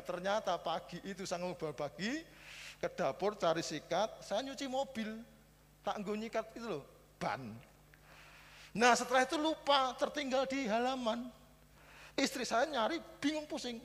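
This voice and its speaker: A male pastor in his fifties with a Javanese accent, telling lively stories in a sermon and swinging between soft asides and loud preaching. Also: high-pitched. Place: church hall. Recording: reverberant church hall.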